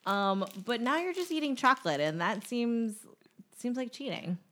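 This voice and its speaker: A woman's voice: a little high, very animated, moderate pace, fairly bright tone. A young adult woman co-hosting a podcast in casual chat, talking easily with lots of fillers. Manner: chatty, many fillers, laughs easily. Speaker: podcast co-host.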